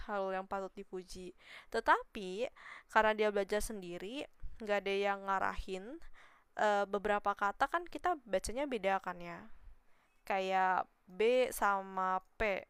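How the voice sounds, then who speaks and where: A woman teaching Mandarin in a relaxed live stream. She speaks slowly and unhurriedly, with a very clear, clean voice, and the recording is dry and close. She chats patiently and repeats syllables to demonstrate tones. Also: mid-range voice, no room sound. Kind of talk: casual live-stream language lesson.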